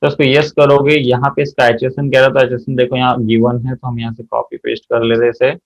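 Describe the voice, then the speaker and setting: Hindi-speaking man teaching software steps. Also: mid-range voice, monotone, brisk, highs cut off. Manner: explains step by step, often checks students' answers. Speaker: accounting teacher. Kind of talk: software tutorial lesson.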